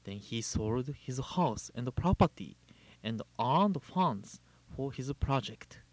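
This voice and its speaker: A man from Japan with a Japanese accent, a Buddhist minister giving a measured, deliberate Dharma talk and telling a story. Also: medium pitch, animated, a little mellow, dry recording. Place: living in Hawaii.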